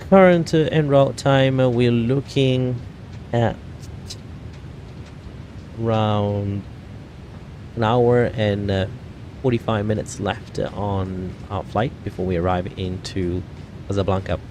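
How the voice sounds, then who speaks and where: A man playing a halting airline captain. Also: lowish voice, steady tone, darkish tone, a little hiss or hum. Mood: polite. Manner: hesitant, halting, filled with "uh". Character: male airline captain making a cabin announcement. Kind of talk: mock pilot announcement on a flight sim stream.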